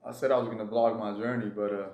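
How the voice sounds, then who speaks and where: Laid-back low-voiced man, echoey room. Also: little pitch movement, fast talker, darkish tone, muffled recording. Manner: laid-back, joking, talks with mouth full. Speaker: vlog co-host. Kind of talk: casual chat while eating.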